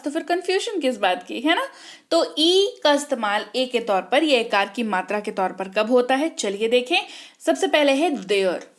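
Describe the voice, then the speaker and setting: Woman teacher quizzing her class. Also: high voice. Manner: asks the class questions then answers them herself, repeating words slowly. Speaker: English teacher. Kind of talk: online spelling lesson.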